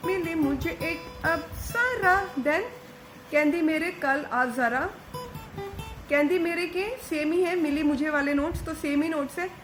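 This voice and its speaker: A woman giving a patient step-by-step guitar lesson, singing short lyric snippets slowly between explanations. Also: high voice, poor audio. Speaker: guitar teacher. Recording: faint guitar behind voice.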